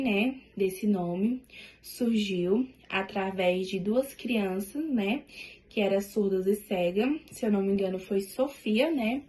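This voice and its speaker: A woman's voice: mid-range voice, a little mellow. A woman giving a class presentation, hesitant and full of tag fillers. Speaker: student presenter.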